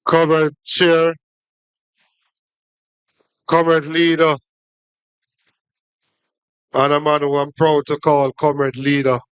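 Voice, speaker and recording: A man with a Jamaican accent giving a formal political speech to supporters as a party official, in short deliberate phrases. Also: a little high, level tone, fairly bright tone, smooth, no room sound.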